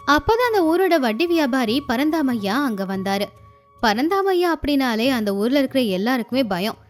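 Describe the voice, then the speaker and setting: A woman narrating a moral folk story in an expressive storytelling manner. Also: high voice.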